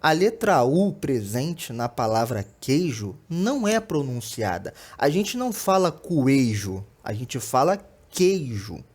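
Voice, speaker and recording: A young adult man teaching online over slides speaks with a Brazilian Portuguese accent in a fairly high, very animated voice. Still, he explains patiently, regularly checking in with "tá?" and "né?".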